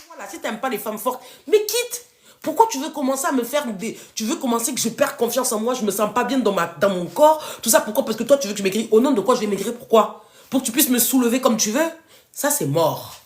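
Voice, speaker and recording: A woman life coach with a big, commanding voice, talking live to her followers and urging them on loudly and emphatically. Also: a little high, a little hiss or hum. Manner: loud, emphatic, scolding and exhorting viewers. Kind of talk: live stream talk to followers.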